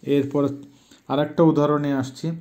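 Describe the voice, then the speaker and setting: A middle-aged man gives a language lesson, speaking patiently and haltingly and slowly repeating words so they can be pronounced. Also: a little high, monotone, mellow. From Bangladesh. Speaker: language teacher.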